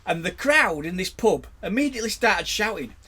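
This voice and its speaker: This English co-host, speaking with a Yorkshire accent, fills the casual podcast chat with pub anecdotes and frequent laughter. He has a high voice with large pitch swings at a moderate pace, sounding pushed, bright and slightly rough.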